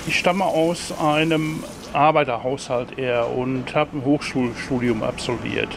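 Being interviewed against a noisy background, a Dortmund meat counter worker in his sixties responds thoughtfully, now and then hesitating with fillers. His medium-pitched voice is gravelly and unhurried.

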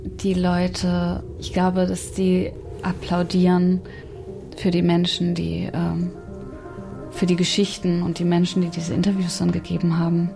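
A woman's voice: lowish voice, monotone, measured pace, creaky, dark tone, faint music behind. A woman who acts in a stage play, reflecting on the performance and often restarting her sentences as she searches for words. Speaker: stage actor. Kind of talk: reflective talk about a performance.

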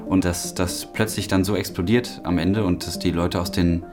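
A man announcing a radio drama and reflecting on performing it, in a measured, deliberate way. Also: deep voice, fairly even intonation, music in the background. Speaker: narrator and stage actor.

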